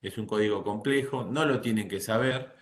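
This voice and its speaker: A middle-aged man teaches a boating class in a low-ish voice at an ordinary pace, explaining things patiently and checking in with his listeners often. He's a nautical course instructor, and the room gives off a spacious echo.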